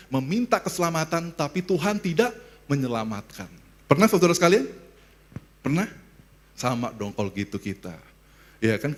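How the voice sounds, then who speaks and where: A male pastor delivers a sermon to a church congregation in a fairly high voice. He talks in an animated way, often throwing questions to the room and pulling the crowd into call-and-response. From Indonesia.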